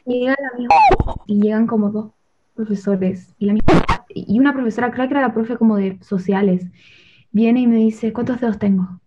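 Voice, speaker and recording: Young woman, high voice, animated storytelling, casual chat, muffled recording, faint noise. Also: moderate pace. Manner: animated, laughing while telling a story. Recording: dull lo-fi sound with faint noise.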